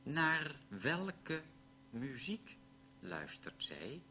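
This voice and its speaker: Male drill reader: very slow, deliberate, lively intonation, mid pitch. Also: noisy background. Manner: slow, carefully pronounced sentences. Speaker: language teacher reading examples. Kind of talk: slow read-aloud language drill.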